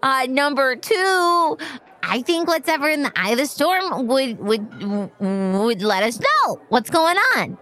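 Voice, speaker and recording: A woman's voice: high voice, slow, full character voice. A woman playing a cheeky young creature trainer. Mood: eager. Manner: playful, teasing, lively laughs. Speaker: player in a tabletop game.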